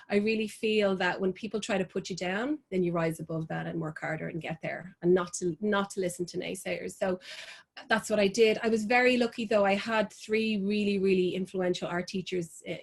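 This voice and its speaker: An Irish woman in her forties, a fashion designer talking as a guest over a video call, chatty with many ums, restarts and laughs. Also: medium pitch. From Ireland.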